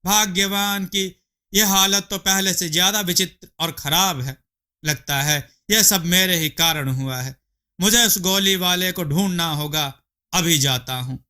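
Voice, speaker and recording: A man's voice: sits high, a little slow, bright, forceful tone, exaggerated voice. A man voicing a simple-minded village farmer husband in a storybook tale, fussy and full of exclamations. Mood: alarmed.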